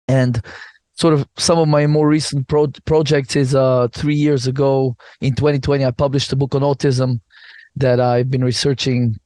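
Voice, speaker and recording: Guest, man in his thirties from Bulgaria, rambling, mid-pitched voice, dry sound. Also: darkish tone, no room sound. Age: 30s. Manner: rambling, many restarts and asides. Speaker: podcast guest. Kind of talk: casual interview chat.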